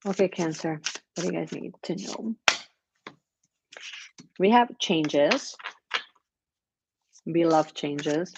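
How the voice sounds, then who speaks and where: A woman's voice: deep voice, slow pace, vocal fry, pauses often, background noise. A woman giving a casual weekly tarot reading, chatty and encouraging, with plenty of fillers and restarts. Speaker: tarot reader.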